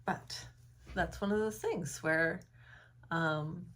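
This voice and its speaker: A young woman vlogger talks alone to her phone camera in a room at home, unscripted and reflective. Her voice is fairly low and fairly bright, slightly froggy, and she speaks slowly. She sounds thoughtful and hesitant, using lots of ums and likes.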